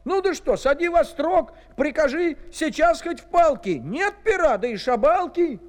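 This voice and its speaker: Guy doing a high excited young peasant fool, pleading, storybook voice, reverb. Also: moderate pace. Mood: protesting.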